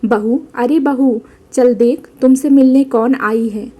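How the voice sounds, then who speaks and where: A woman's voice: fairly high pitch, fairly even intonation, slow, dark tone. A woman voicing a stingy, nagging mother-in-law. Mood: scolding. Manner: nagging, complaining.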